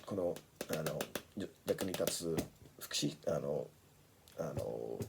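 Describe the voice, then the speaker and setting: A man's voice: extremely low pitch, animated, slow, gravelly, noisy background. A man running a casual English lesson in his small studio, switching between English and Japanese with many fillers and restarts. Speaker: English teacher.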